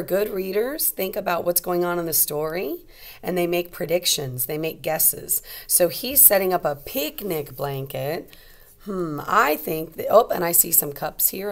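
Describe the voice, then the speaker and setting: Reading a storybook expressively to young children, a woman teacher with a fairly low-pitched voice stops now and then to explain and pose simple questions.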